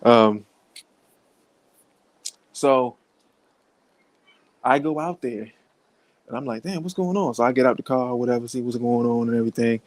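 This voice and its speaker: A man's voice: medium pitch, level tone, a little slow, pauses often, dry recording, rough recording. A man telling a story to camera at home, casually and profanely, often laughing and talking straight to his viewers. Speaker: vlogger. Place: at home with his young son.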